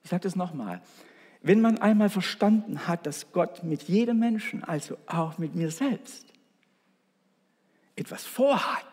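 A male preacher delivers a sermon in an earnest, storytelling way, turning often to speak straight to his listeners. His voice sits slightly high with a husky edge. The sound carries the long reverb of a large hall. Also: animated, unhurried, darkish tone. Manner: earnest, storytelling, addresses congregation directly.

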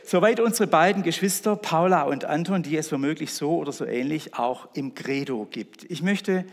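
A man preaching a sermon in a church, emphatic and repeating his key words. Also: fairly high pitch. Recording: echoey church reverb.

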